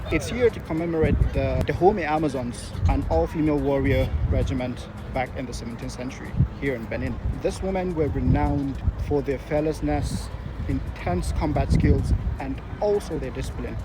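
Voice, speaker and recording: A man talking casually to camera as a travel vlogger on location. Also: medium pitch. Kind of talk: casual on-location vlog talk. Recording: noisy location sound, traffic ambience.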